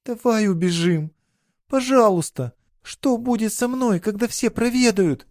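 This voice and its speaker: A man's voice: expressive, measured pace, darkish tone, no echo, studio quality. A man voicing a tearful pleading village girl. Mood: desperate pleading. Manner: breathless, pleading, high and strained. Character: distraught young peasant girl, tearful and pleading.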